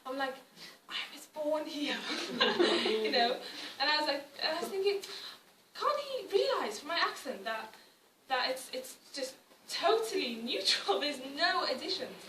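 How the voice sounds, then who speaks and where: A young woman with a British accent speaks at a public talk in a conversational, wry way, often restarting her sentences. Her voice is fairly high and bright. It sounds a little distant in an echoey hall. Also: sing-song, a little slow, a little hiss or hum. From Wales. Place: arts centre hall.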